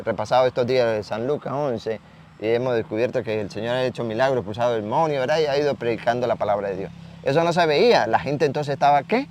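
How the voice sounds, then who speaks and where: A man's voice: medium pitch, a little mellow, no room sound. A man from Venezuela giving an emphatic daily Gospel reflection, repeating words and asking rhetorical questions. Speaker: preacher.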